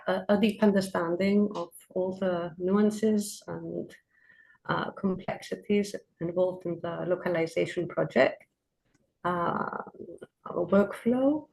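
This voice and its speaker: A woman podcast guest from Greece in her forties talks slowly, with a gravelly edge to her voice. She pauses often on uh and um as she describes her work. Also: mid-range voice, fairly even intonation, a little mellow, low-quality recording. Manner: hesitant, many uh and um fillers. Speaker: podcast guest, project manager. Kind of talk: casual interview answers.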